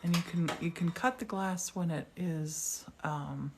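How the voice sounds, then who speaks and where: Hosting a live demonstration in a glass studio, a woman chats casually and with enthusiasm, giving live-stream commentary. Her lowish voice is a little mellow with a breathy edge, and she keeps a measured pace.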